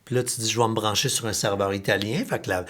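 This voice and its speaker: A man with a Québécois accent hosting a podcast, talking in an animated, colloquial way with casual swearing. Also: on the low side, fast talker. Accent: Québécois French. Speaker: podcast host.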